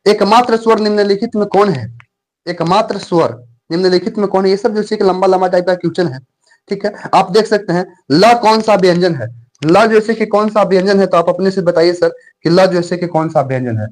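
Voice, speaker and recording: A man's voice: high-pitched, a little fast, darkish tone. A man teaching Hindi grammar in an exam-prep lesson. He repeats each point, quizzes the viewers, draws out letter sounds in drills and keeps calling them his friends. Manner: repetitive, quizzes viewers, frequent filler phrases and "my friend".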